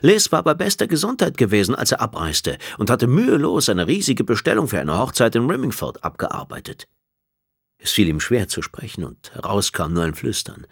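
Male audiobook narrator, calm measured reading, lively melody, dry close sound. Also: mid-range voice, gravelly, husky, no echo.

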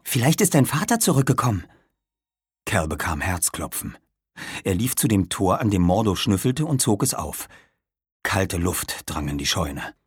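Husky male storyteller, lively. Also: low-pitched, measured pace, dry recording, studio quality. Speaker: narrator. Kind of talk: audiobook narration.

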